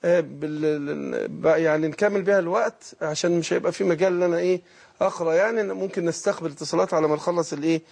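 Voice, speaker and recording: High-voiced Egyptian man teaching recitation. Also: creaky, darkish tone. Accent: Egyptian Arabic. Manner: explains patiently, asks himself questions, stretches out recited words slowly. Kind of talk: call-in recitation lesson.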